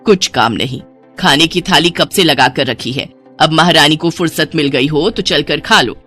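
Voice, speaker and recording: A woman voicing a quick-tempered middle-aged mother who nags and scolds. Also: low-pitched, pushed and bright, soft background music. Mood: exasperated, scolding. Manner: nagging, exasperated.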